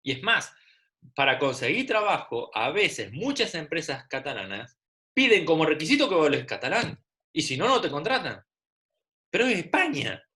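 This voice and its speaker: A man's voice: a little high, pushed and bright. A middle-aged man with an Argentine Rioplatense accent teaching a class over a video call, chatty and full of rhetorical questions. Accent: Rioplatense Spanish. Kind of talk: online class lecture.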